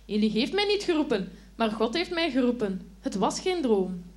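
A woman voicing the young boy Samuel in a children's Bible story, with a high, eager voice and quick, earnest replies. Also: very animated.

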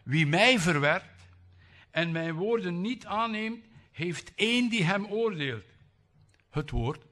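A man's voice: high voice, lively intonation, takes it slowly, fairly bright tone. A man preaching a sermon, reading scripture with emphasis and breaking off for chatty asides and tag questions.

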